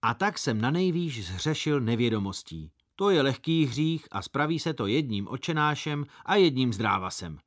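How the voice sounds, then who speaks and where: A man's voice: mid-range voice, sing-song, few pauses, natural voice. A man voicing a proud, boastful schoolboy who argues back stubbornly in a storybook reading. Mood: defiant.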